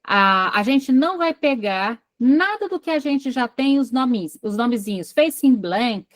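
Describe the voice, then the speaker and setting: A woman's voice: a little high, lively intonation, a little slow, no room sound. A Brazilian woman coordinating an online psychoanalysis study group, reading a case aloud and then stopping to quiz her class. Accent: Brazilian Portuguese. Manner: reads a passage, then breaks off to quiz the class.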